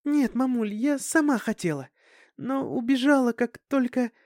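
Young woman, tearful and self-doubting, high strained pleading tone, voiced by a male reader, dry close recording. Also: lively intonation, measured pace, darkish tone, dry recording. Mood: upset, tearful.

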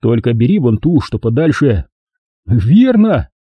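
A man narrating an audiobook in the first person, calm and lively. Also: medium pitch, moderate pace, breathy edge, no echo, dull audio.

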